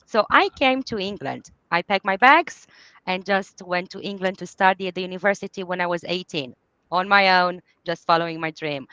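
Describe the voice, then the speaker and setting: Romanian-accented woman in her 30s, coach guest; bright, dry sound. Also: on the low side, clear, resonant tone, dry recording, lo-fi sound. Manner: warm, laughs often, non-native phrasing. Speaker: guest, business clarity coach. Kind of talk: podcast interview.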